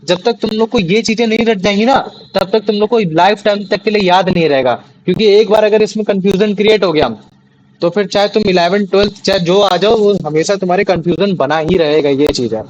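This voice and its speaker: A man's voice: high-pitched, brisk, a little mellow, dull audio. A young man teaching a classroom lesson, often repeating questions to check that the students follow. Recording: faint background noise.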